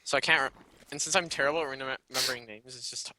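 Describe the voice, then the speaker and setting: A man casting a live video game match in a casual, rambling way, often laughing and getting excited. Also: mid-range voice, fast talker. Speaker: game caster.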